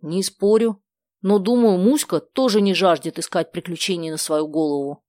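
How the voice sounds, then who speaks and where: A sharp-tongued, sarcastic schoolgirl, put on by a woman narrator in an audiobook. She snaps back high and loud, and the recording is dry. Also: normal speed, dry recording, natural voice. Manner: sarcastic, indignant.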